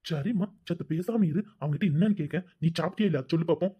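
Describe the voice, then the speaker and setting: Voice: medium pitch, quick pace, slightly rough, lightly acted. A voice actor playing a protective, caring elder brother in a cartoon, coaxing and soothing. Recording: dull lo-fi recording.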